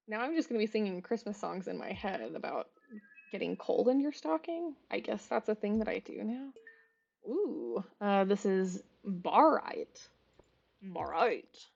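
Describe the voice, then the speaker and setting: A woman's voice: medium pitch, vocal fry, darkish tone. A woman giving casual let's-play commentary, chatty and bubbly, rambling off on asides with frequent ums. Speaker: gaming video host. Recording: slightly muffled, faint game music behind.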